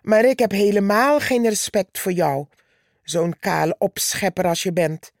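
A woman voicing a tiny, bold female red ant who stays calm and unimpressed, in a storybook reading. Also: medium pitch, unhurried, dry recording, studio quality. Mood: cheeky.

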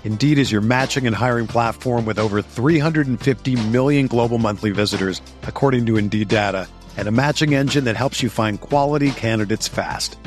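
A man's voice: medium pitch, fairly quick. A man reading a scripted podcast advertisement as an announcer. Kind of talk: scripted ad narration. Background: music.

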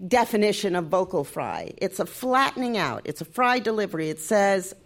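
A woman with a mid-range voice and very animated intonation. She explains her opinions to a panel, performing quotes expressively as she goes. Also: mid-range voice, moderate pace. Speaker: podcast panelist.

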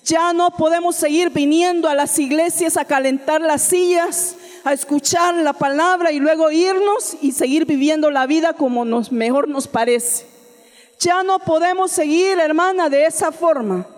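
This woman's voice sits high as she preaches at a normal speed with few pauses, and a long reverb tail trails her words. Her sermon, given in church with a Central American Spanish accent, is full of amens and addresses to listeners as sister.

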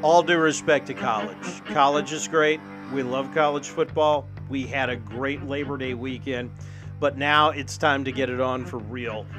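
A man's voice: mid-range voice, normal speed, music in the background. A man hosting a sports show, talking and reading ads energetically in punchy, emphatic short phrases. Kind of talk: energetic sports talk and ad read.

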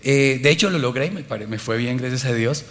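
A man's voice: mid-range voice, brisk, a bit bright. A man preaching a sermon, telling a personal story with animation and speaking directly to the congregation.

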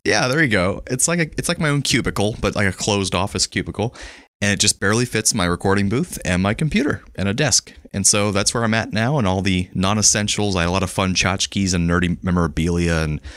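Low-voiced dude co-hosting a nerd podcast, chatty, laughs a lot, dry close sound. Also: male voice, fast, fairly bright tone, no room sound. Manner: chatty storytelling, laughs easily. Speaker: podcast co-host. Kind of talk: casual chat. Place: small office recording booth.

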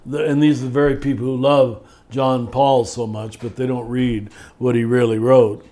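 An older spiritual teacher in a podcast conversation delivers his words flatly in a mellow, mid-range voice. He sounds thoughtful and measured, slowing down to highlight key words.

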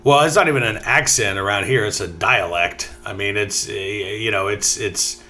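A man's voice: on the low side, normal speed, sharp tone, soft background music. A man hosting a podcast, chatting casually and easily with his co-host. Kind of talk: casual chat.

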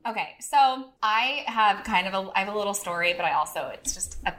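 A woman's voice: mid-range voice, animated, a little fast, fairly bright tone. A woman co-hosting a podcast, chatting in an enthusiastic, playful way. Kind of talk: casual chat.

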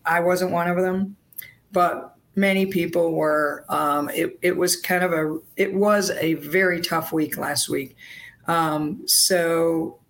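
Hoarse lady sports reporter on a podcast, slightly low voice, halting and earnest. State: hoarse from laryngitis. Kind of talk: casual podcast talk.

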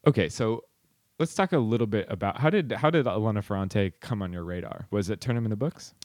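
A man with a lowish voice co-hosts a casual book podcast. He talks haltingly and restarts often. The mic is close and the sound dry. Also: darkish tone, dry recording. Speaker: podcast co-host.

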